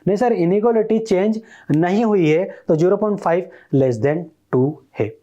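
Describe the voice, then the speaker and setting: A man's voice: sits high, moderate pace, dark tone, highs cut off, close to an everyday voice. A man doing a polite eager student. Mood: answering. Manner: answers politely, calls the teacher sir. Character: eager male student answering the teacher.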